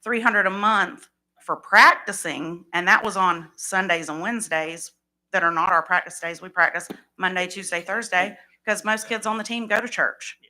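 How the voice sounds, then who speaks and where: A woman's voice: fairly low pitch, fairly even intonation, moderate pace, pushed and bright. A woman speaking matter-of-factly at public comment during a county meeting, explaining field fees.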